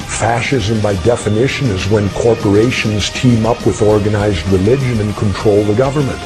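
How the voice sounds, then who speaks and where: Disguised deep voice: a man pitched far down, grave and unhurried, over music.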